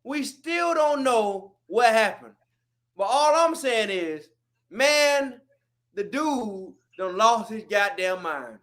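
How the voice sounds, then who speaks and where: High-voiced man ranting about football. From Florida. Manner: animated, rants and shouts, drops to low mutters. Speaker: sports podcast co-host. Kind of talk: heated casual sports talk.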